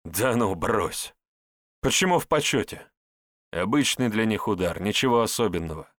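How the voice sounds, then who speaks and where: A man's voice: on the low side, expressive, moderate pace, a bit bright, no room sound, clean studio sound. A man voicing a blunt, sardonic male hero who speaks in a mocking, scornful way. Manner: mocking, scornful, plain-spoken.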